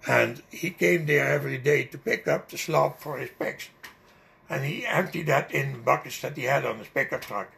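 In an oral history interview, an older non-native English speaker rambles through a vivid personal memory, using fillers along the way. He speaks at a moderate pace with a medium-pitched, gravelly voice and a sharp tone.

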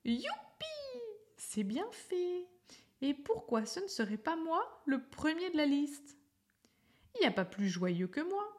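A woman's voice: sits high, very animated, slow pace, pauses often, darkish tone, pitched above the performer's own voice, heavily acted. A woman voicing a joyful, cheeky male letter Y in a storybook. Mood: gleeful. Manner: gleeful.

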